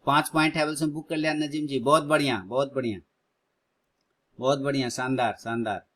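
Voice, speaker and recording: A man in his thirties hosting a live trading stream, chatting casually with viewers and loudly urging prices on. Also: medium pitch, fairly quick. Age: 30s. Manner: excitedly cheers prices on, then chats calmly with viewers.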